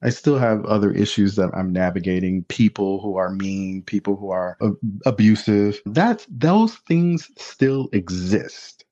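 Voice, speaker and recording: A man telling his life story as a podcast guest, candid and animated, acting out other people's voices as he goes. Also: lowish voice, a little slow, hardly any pauses. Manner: animated, acts out voices in quotes. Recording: dull lo-fi sound.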